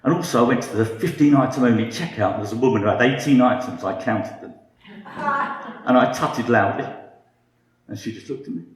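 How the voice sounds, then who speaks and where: A man's voice: medium pitch, a little fast, echoey room. A British man in his fifties giving a humorous talk with dry, self-mocking wit. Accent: British English. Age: 50s. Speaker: guest speaker.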